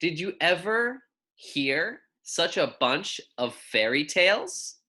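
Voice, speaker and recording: An elementary school teacher reads aloud to young children in a friendly, informal, encouraging lesson. Her voice sits at a medium pitch with big swings in pitch, moving slowly with a sharp tone.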